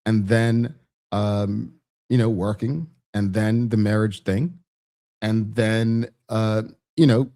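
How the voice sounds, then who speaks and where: A man's voice: fairly low pitch, warm tone. A man with a heavy Bermudian accent, hosting a talk show and putting questions directly to his audience in a conversational way. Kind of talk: conversational audience discussion, reading out comments.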